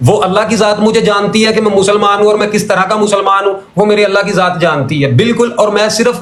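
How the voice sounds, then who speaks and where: A high-pitched man argues hotly on a call-in, working through his complaints point by point and circling back to them. His voice rings in a noticeably echoey room. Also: a bit bright. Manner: argumentative, numbers and repeats his points. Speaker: caller in a religious debate. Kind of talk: heated call-in argument.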